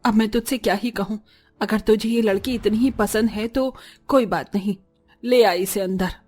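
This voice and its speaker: A woman's voice: medium pitch, normal speed, a little mellow, faint music behind, natural voice. A woman voicing a haughty middle-aged mother in a cartoon story, speaking in a cold, dismissive way. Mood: stern.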